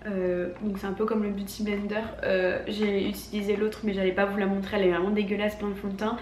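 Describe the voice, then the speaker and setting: A woman's voice: mid-range voice, level tone, fast talker, a little mellow. Honking, congested young Frenchwoman, echoey room. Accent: French from France. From France. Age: young adult. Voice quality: honking, duck-like nasal voice from congestion. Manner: informal, filler-heavy, emphatic. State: congested, sick with a cold. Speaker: beauty vlogger. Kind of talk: casual chatty product haul. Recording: echoey room, faint background noise.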